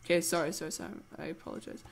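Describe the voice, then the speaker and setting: A man's voice: a little high, little pitch movement, racing, vocal fry. A teenage boy giving rambling, playful commentary while playing a game, with goofy jokes. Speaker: let's play host. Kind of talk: casual gameplay commentary.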